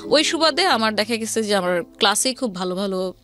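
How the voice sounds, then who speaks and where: A woman from Old Dhaka, Bangladesh, speaks with a Bangladeshi accent as an interview guest, sharing her personal story in a conversational way. Her mid-range voice is animated, a bit bright and a little fast, and she mixes English words into her speech. Music plays in the background of the recording.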